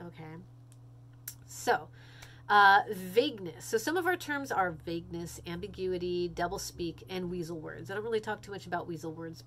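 A woman instructor giving a recorded lecture in a casual, blunt way, swearing now and then for emphasis. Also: mid-range voice. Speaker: college instructor.

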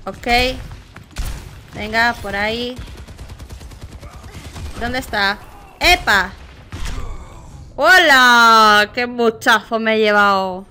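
Bright-voiced Spanish woman streaming a game. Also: a little high, fairly even intonation, takes it slowly, pauses often, slight background noise. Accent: Spain Spanish. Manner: chatty, reacts loudly with exclamations and cries for help. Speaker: gaming streamer. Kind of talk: casual gameplay commentary.

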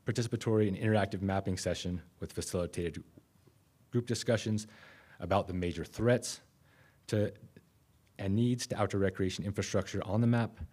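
A man, giving a conference keynote from a podium microphone in a conference room, measured and with frequent restarts. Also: lowish voice, a little mellow. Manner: measured, self-correcting restarts. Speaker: keynote speaker.

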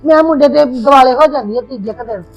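A woman's voice: sits high, fast, breathy edge. A woman acting a mother who lectures and reproaches her daughter-in-law in a family drama. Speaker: actor playing a mother. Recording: slightly dull audio with music.

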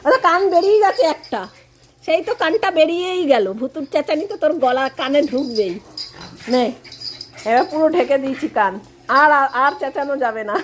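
A woman's voice: sits high, lively intonation, a little fast. A woman at home filming her pet dogs, mixing casual commentary with cooing baby talk to them. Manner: cooing, sing-song talk to pets, mixed with running commentary. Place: at home, indoors. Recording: loud background noise and barking dogs.

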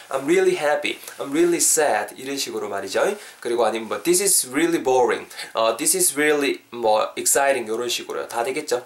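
A man teaching an English lesson in a video, upbeat and coaxing, spelling words out slowly. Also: medium pitch.

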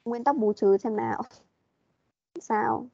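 A woman's voice: on the high side, very animated, slow, creaky, background noise. A woman teaching an online English class, patiently prompting and repeating her questions over a video call. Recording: dull lo-fi meeting audio.

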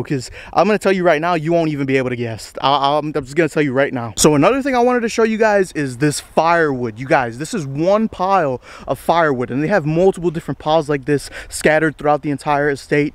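A young man in his twenties rambles through a casual vlog while hiking a wooded trail, full of slang and a touch out of breath. His voice sits a bit high for a man. The sound is close and dry, with little room around it. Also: no room sound. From United States. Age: 20s. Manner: rambling, slangy, self-deprecating, says bro a lot. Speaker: vlogger. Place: outdoors on a wooded estate trail.

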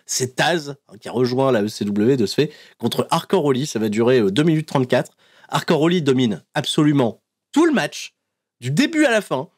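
A male podcast host tells the story in lively, casual chat, with frequent "euh" fillers. He chuckles often as he goes and jumps into acted voices. His pitch sits in a middle range. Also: moderate pace, husky. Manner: animated storytelling, laughs often, many fillers. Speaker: podcast host recapping wrestling episodes.

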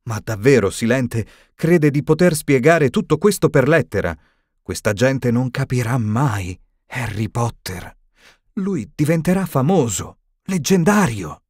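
A man voicing a stern elderly female professor in an audiobook, higher and tremulous, shaken and indignant. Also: expressive, unhurried, a little mellow, dry recording, clean studio sound.

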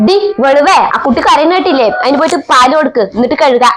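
A woman plays a bossy middle-aged mother-in-law in a home family skit, speaking. Her voice sits high and sharp as she nags and hurls insults without letup. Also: quick pace. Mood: scolding. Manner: nagging, shrill, scolds and insults.

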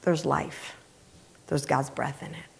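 A middle-aged woman in a church sanctuary delivers a sermon from the platform in a low, creaky, darkish voice, slow and level in tone. Her teaching of scripture is emphatic yet conversational, with repeated phrases and rhetorical questions, and the large room makes it reverberant.

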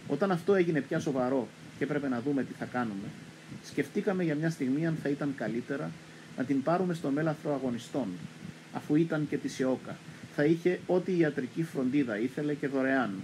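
A man's voice: a little high, noisy background. Cypriot man reading literature aloud. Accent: Cypriot Greek. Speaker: literature reader.

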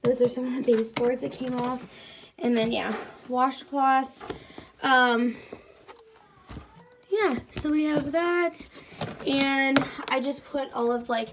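A woman's voice: high voice, steady tone, slow pace, pauses often, noisy background. A pregnant woman giving a casual vlog tour of her home, rambling with many ums and likes as she walks from room to room. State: pregnant, at times out of breath. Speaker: vlogger. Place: indoors at home, walking room to room.

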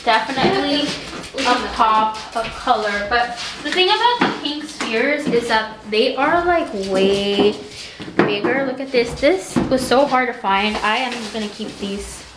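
Young woman vlogger, casual and upbeat, slightly high voice, roomy noisy home recording. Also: expressive, measured pace. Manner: chatty, upbeat, filler-heavy. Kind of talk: casual vlog chat. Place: home living room and bedroom. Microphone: camera on tripod.

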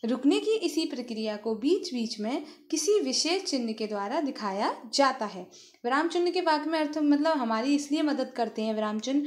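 A woman, a school teacher giving a grammar lesson to her students, explaining slowly and asking them questions she then answers herself. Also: a little high.

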